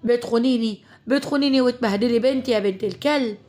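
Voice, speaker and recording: A woman's voice: a little high, quick pace, close to an everyday voice. A woman voicing an enraged middle-aged father who rages at his wife, with an Egyptian Arabic accent. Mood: raging. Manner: raging, shouting.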